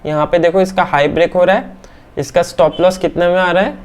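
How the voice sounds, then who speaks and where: A man's voice: high-pitched, fairly even intonation, a little fast, smooth. Chatty man explaining trading charts. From India. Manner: keeps checking in with "theek hai?"; talks through hesitations with "aa" fillers. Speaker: stock market teacher. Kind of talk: explaining candlestick charts on screen.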